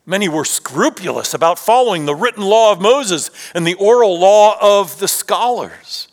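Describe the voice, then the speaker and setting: A man delivering a sermon in a high, lively voice that climbs and falls, sometimes sinking nearly to a whisper. He speaks in rhetorical questions. His words ring out with a long reverb, as in a large hall. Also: moderate pace. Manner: rhetorical questions, rising and dropping to near whisper. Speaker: preacher.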